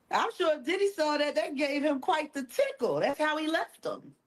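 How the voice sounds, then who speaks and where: A woman talking as a podcast guest, blunt, emphatic and confrontational. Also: sits high. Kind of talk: heated podcast conversation.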